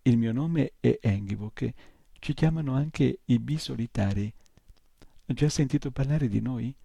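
A man voicing a bald, boastful old male gnome scholar who lectures in a self-important way, with a dark, gravelly voice. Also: mid-range voice, a little slow, no room sound. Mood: commanding.

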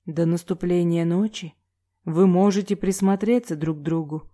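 A woman voicing a young man hosting a party game in a slow, mysterious half-whisper. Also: on the low side, steady tone, dark tone, lightly acted.

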